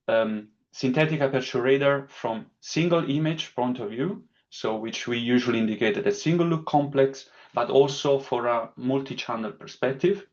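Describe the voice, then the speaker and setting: A man from Italy with an Italian accent, giving a technical online lecture in a careful, explanatory way with frequent fillers. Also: mid-range voice. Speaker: webinar speaker. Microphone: video call. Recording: dull lo-fi call audio.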